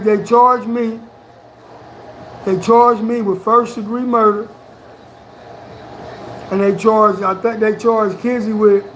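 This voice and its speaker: A man with a notably high voice tells his story in loose, profane street slang, leaning on a steady "you know" refrain. He sounds middle-aged and laid-back, with a faint hiss of noise behind him. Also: low-quality recording. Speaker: interviewee. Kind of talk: casual storytelling.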